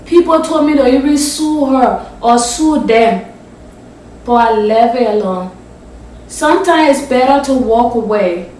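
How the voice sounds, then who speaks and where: A woman's voice: fairly high pitch, lively intonation, unhurried, a little mellow, recorded from a distance, a little hiss or hum. A woman vlogger from Africa telling a story-time vlog, speaking passionately and emphatically, sometimes swearing. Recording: roomy echo, voice off the mic.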